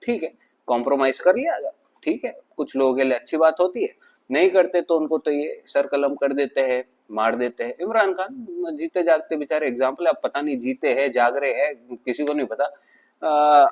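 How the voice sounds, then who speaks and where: A man's voice: mid-range voice, highs cut off. A man doing casual, mocking political commentary in a chatty way, constantly addressing his viewers.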